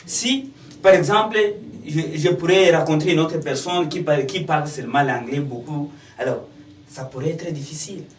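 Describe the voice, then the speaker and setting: A man's voice: a little high, moderate pace, slight background noise. A man hosting a casual talk, affirming his guest and dropping in English fillers. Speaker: host. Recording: echoey room, far from mic.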